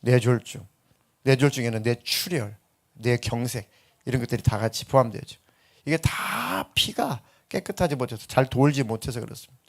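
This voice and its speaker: A man's voice: medium pitch, normal speed, gravelly. A middle-aged man preaching a sermon as pastor, telling stories and acting out voices. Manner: lively storytelling, acts out voices in anecdotes.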